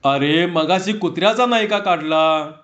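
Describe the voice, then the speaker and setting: A man voicing an educated town man with a camera who patiently explains things with quiet amusement. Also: a little high, normal speed, close to an everyday voice. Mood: amused patience. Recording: dull lo-fi recording.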